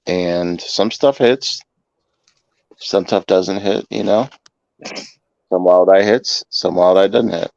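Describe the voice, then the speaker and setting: Low-voiced man, muffled sound. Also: slow pace, creaky, long pauses, darkish tone, dry recording. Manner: quipping, offhand. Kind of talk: casual group chat.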